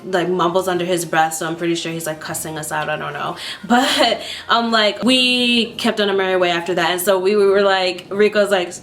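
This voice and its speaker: A woman's voice: on the low side, moderate pace, hardly any pauses. Chatty woman vlogger telling a travel story. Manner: chatty, frequent "like" fillers, animated re-enactments. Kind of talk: casual storytelling to camera.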